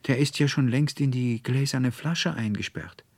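A man's voice: medium pitch, moderate pace, a little mellow, no room sound, pitched above the performer's own voice, lightly acted. A man voicing a dreamy, tearful young woman who speaks in a sighing way. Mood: plaintive. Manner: sighing, plaintive.

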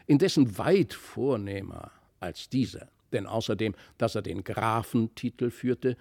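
A man reading a classic tale aloud in measured, even storytelling narration. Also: medium pitch, creaky, no room sound, studio quality. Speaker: audiobook reader.

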